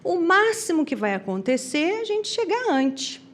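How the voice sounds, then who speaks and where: A woman voicing a calm airline pilot reassuring nervous passengers. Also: very high voice, normal speed, pitched above the performer's own voice. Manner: reassuring, announcing.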